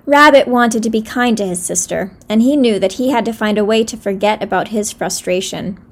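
Gentle woman reading a children's story. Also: mid-range voice, brisk.

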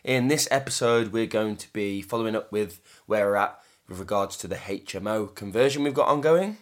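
A British man with a distinctly low voice co-hosts a podcast. He talks in a casual, conversational way. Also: fairly quick. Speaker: podcast co-host, property developer.

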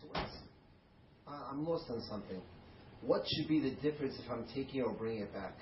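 A man's voice: medium pitch, lively intonation, quick pace, background noise. A man speaking as a student in an informal class, asking persistent, puzzled questions. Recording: muffled, echoey, distant, with people around.

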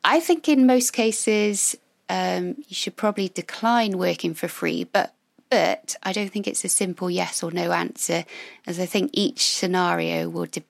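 A woman with a gravelly voice chatting casually and reflectively as a friendly podcast co-host. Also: fairly low pitch, a little slow, dry recording.

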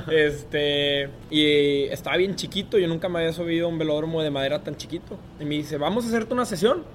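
A man's voice: on the high side, fairly even intonation, a little fast, a little hiss or hum. A young man with a Mexican Spanish accent, a guest telling a story in a casual interview and acting out other people's lines as he goes.

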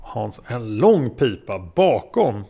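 A man's voice: medium pitch, very animated, creaky, warm tone, breathy edge, exaggerated voice. A man voicing a male taxi driver testifying as a witness, answering in a plain, hesitant way. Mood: calm.

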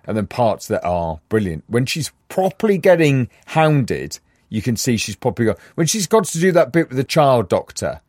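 A man from Newcastle, co-hosting a podcast in animated, jokey casual chat. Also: medium pitch, moderate pace, hardly any pauses, no echo, studio quality. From Newcastle, England. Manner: animated, jokey, lots of agreeing. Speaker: podcast co-host.

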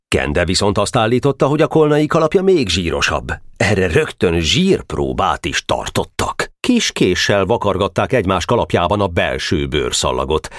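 A man narrating a novel as an audiobook, telling it expressively on a close mic. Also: dry recording. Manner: expressive storytelling with wide pitch swings. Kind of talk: novel reading.

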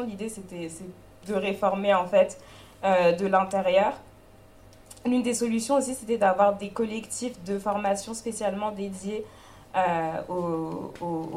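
A woman reports back to a group in a hesitant, halting way, full of fillers and restarts. Her pitch sits in the middle for a woman. A faint background noise runs under her voice. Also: a little mellow. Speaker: workshop spokesperson.

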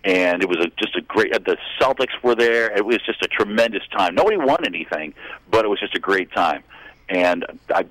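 A man's voice: lowish voice, expressive, fairly quick, a bit bright, no echo, low-quality recording. A man in his sixties from Boston, chatting as a guest on a radio show and telling stories with dry jokes. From Boston, USA. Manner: chatty, joking storyteller. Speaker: guest musician. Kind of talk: casual radio interview by phone.

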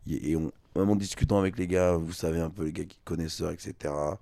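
Very deep gravelly man, laid-back. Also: fairly even intonation, fast, dry recording. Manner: laid-back, slangy, trailing off softly. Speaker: podcast co-host. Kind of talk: casual chat.

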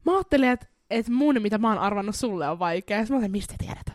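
A woman's voice: medium pitch, animated, dry recording, studio quality. A woman co-hosting a casual podcast game, playful and giggly, sometimes dropping to a near whisper. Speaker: podcast co-host.

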